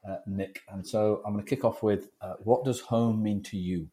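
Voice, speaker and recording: A man with a fairly low, very mellow voice hosts a podcast interview. His delivery is chatty and informal, moving between introductions and questions. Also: steady tone, moderate pace. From North East England. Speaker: podcast host.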